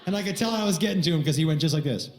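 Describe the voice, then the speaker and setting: A man's voice: fairly high pitch, rapid-fire, roomy sound, noisy background. A man doing stand-up, telling a crude prank story and acting out the other voices. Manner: animated, acts out voices and crude jokes. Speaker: stand-up comedian.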